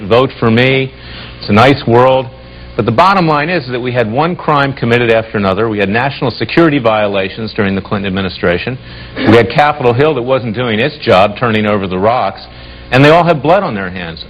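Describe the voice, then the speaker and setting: A man's voice: mid-range voice, rough recording. A man arguing as a talk show panel guest, insistent, listing points and repeating his bottom line. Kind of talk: heated political debate.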